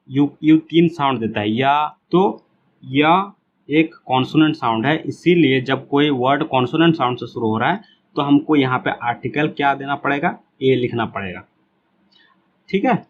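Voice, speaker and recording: A man gives a classroom-style grammar lesson at a mid pitch. He talks patiently, repeats each example word slowly and keeps asking questions that he then answers himself. The recording is a little dull, with faint room noise under his voice. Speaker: English teacher.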